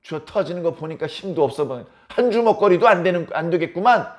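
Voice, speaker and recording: A man's voice: sits high, animated, fast talker. A pastor doing a sneering, jeering criminal man. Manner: mocking, jeering. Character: sneering crucified male criminal mocking Jesus.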